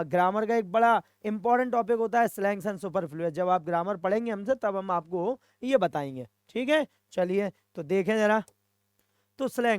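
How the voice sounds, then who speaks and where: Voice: mid-range voice, dry recording. Teacher quizzing students, dry sound. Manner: mixes Hindi and English, asks and answers own questions; repeats "okay" to check in with students. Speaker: English vocabulary teacher. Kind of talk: recorded exam-prep lesson.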